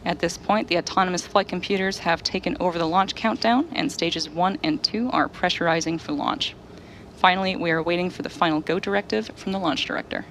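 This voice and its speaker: A woman presenting live launch commentary as a webcast host, explaining things in a clearly enunciated presenter style. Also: lowish voice, a little fast, a bit bright, slight background noise, rough recording.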